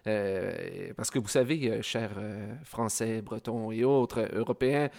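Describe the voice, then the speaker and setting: A man's voice: on the low side, measured pace, creaky, a little mellow. A man with a Québécois French accent hosting a music radio show, chatting casually between songs with many hesitations and fillers. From Quebec. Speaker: radio host.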